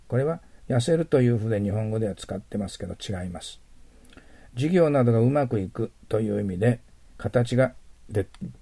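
A man teaching English vocabulary in a recorded lesson, explaining each word patiently and often trailing off into soft, near-whispered asides. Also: fairly low pitch, vocal fry, breathy edge, no room sound.

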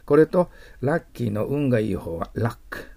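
Gravelly-voiced man teaching English vocabulary. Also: medium pitch, very animated, warm tone. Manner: explains words, slows down to model English pronunciation. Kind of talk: TOEIC vocabulary lesson.

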